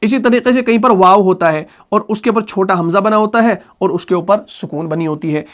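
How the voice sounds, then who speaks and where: A man with a high, light voice teaching the rules of Quran recitation. He asks his own questions and answers them. He breaks off to sound out single letters and to recite verses slowly. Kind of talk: tajweed lesson.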